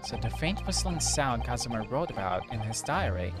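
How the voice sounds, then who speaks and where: A man's voice: medium pitch, sing-song. Man reading detective lines over game music. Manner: reads detective lines in a measured, formal way. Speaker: streamer playing a mystery game. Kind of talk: live-stream game reading and chat. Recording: clear game music behind the voice.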